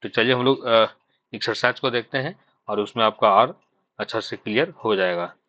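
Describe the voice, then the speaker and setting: A man's voice: medium pitch, moderate pace, bright, forceful tone, no echo. A man from Jharkhand teaching shorthand in an online exam-prep lesson, explaining patiently and repeating himself with many fillers. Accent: Hindi speaker from Jharkhand. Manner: patient, repetitive explaining with frequent fillers and "thik hai" checks. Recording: dry, slightly dull sound.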